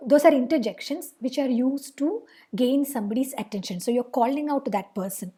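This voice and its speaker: A woman's voice: fairly high pitch, warm tone, husky. A woman with an Indian English accent teaching a grammar lesson, patiently explaining and repeating example sentences.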